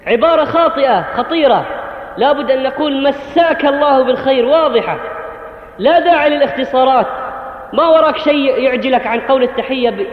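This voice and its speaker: A man's voice: very high-pitched, expressive, brisk. A man preaching a sermon to the congregation, earnest and instructive, addressing the brothers directly. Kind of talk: Friday sermon. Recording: echoey hall, tinny phone-like sound.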